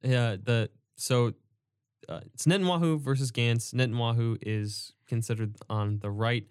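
A man's voice: medium pitch, a little slow, clean tone, no room sound, clean studio sound. A young man co-hosting a podcast who introduces topics in a casual, hesitant way with fillers. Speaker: podcast co-host. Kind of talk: casual political discussion.

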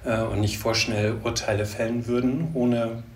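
A man from Germany, a researcher as interview guest, answering in a measured way with many fillers. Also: medium pitch, flat delivery, a little mellow. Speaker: guest, gender studies researcher. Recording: echoey room, distant mic, faint noise.

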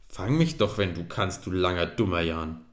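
A man voicing a cheeky little water-sprite boy, high and indignant, in an echoey room. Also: lively intonation, normal speed.

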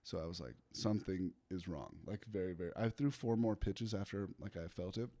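A man's voice: low-pitched, expressive, fairly quick, warm tone. A young man, a guest, telling a story in casual chat, laid-back and laughing often between lots of fillers. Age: young adult. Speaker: guest, pitcher.

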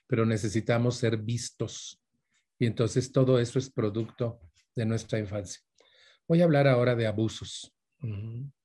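A man's voice: mid-range voice, warm tone. A man with a Mexican Spanish accent gives a conversational talk to a live audience, speaking straight to his listeners and weaving in stories from his own life. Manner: addresses listeners directly, mixes in personal stories. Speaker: speaker giving a talk on parenting.

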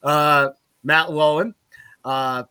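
Bright-voiced man telling lively stories. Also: fairly high pitch, drawn-out words, clean tone. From Utica, New York. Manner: lively anecdotes, laughs at his own stories. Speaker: guest, college sports play-by-play broadcaster. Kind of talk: casual podcast storytelling.

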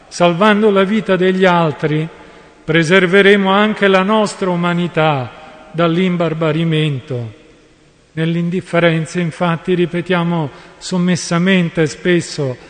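A man preaching a solemn sermon with slow, deliberate delivery in a large church. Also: high voice. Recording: long church reverb.

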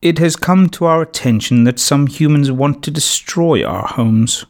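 A man voicing a wary, serious female woodland animal who speaks slowly and carefully. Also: mid-range voice, lively intonation, a little mellow, lightly acted. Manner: slow, serious, measured.

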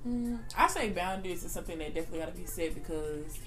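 A woman's voice: lowish voice, animated, quick pace, fairly bright tone. A young woman co-hosting a casual podcast chat, blunt and emphatic, with plenty of swearing. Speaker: podcast co-host.

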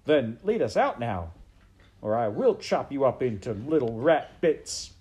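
A man voicing a simple, downtrodden storybook serving girl with rough, uneducated speech and a plaintive manner. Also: very high voice, sing-song, measured pace, dull audio, pitched above the performer's own voice, full character voice. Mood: defiant.

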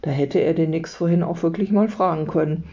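A woman teacher calmly reading a children's book aloud to her class. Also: low voice, brisk. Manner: calm, steady storytelling. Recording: dull lo-fi recording.

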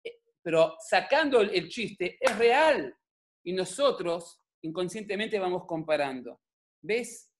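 A man's voice: high-pitched, slow, background noise. A middle-aged man with an Argentine accent gives a religious talk at home, telling stories with jokes and asides to the audience. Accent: Argentine Spanish (Rioplatense). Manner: animated, jokey, many asides to the audience. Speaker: speaker giving a religious talk. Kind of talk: humorous storytelling talk. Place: at home, on camera.

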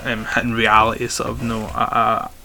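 Monotone and moderately paced, this young adult man's mid-range voice sounds pushed and bright, with a little hiss or hum in the audio. He has a broad Glaswegian accent and answers interview questions chattily, frequently repeating the starts of his phrases.

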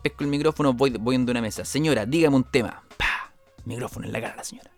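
Young Chilean male comedian, energetic rambling storyteller, average pitch, light music bed. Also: fast, gravelly. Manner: rambling, energetic, with sound effects and stammered restarts. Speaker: comedian host. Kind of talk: comic storytelling.

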